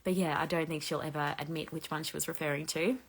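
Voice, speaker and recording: A woman's voice: sits low, steady tone, fast. A woman in her thirties from Australia, hosting a casual live chat and answering viewer questions, chatty and full of "like" fillers. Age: 30s. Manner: chatty, frequent "like" fillers, laughs lightly.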